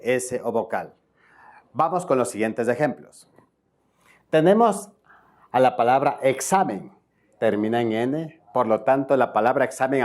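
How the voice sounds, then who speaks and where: A man's voice: medium pitch, a little mellow. A man from Ecuador teaching spelling in a video tutorial, explaining each rule step by step and often checking in with his viewers.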